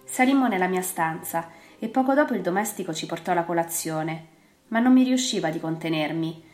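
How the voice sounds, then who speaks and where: Woman narrating an audiobook. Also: on the low side. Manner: measured, expressive reading. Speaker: audiobook reader. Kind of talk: first-person novel narration. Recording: roomy with faint music.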